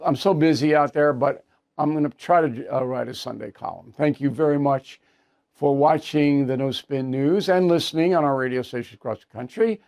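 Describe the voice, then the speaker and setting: An older man hosts a news commentary show in a blunt, brisk way. His voice has a gravelly rasp and sits a little high. He sprinkles in dry, wry remarks. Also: a little mellow. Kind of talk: opinion news commentary and interviews.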